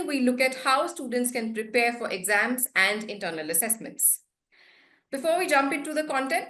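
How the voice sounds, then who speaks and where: A woman's voice: a little high, a bit bright. A woman with a polished Indian accent hosts a formal webinar, presenting scripted material in a courteous manner. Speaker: webinar host, head of academics. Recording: echoey room sound.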